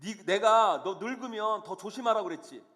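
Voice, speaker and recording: A male pastor voicing an imagined God who scolds and lectures loudly. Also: high voice, moderate pace. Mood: scolding. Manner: loud, reproachful lecturing. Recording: long church hall reverb.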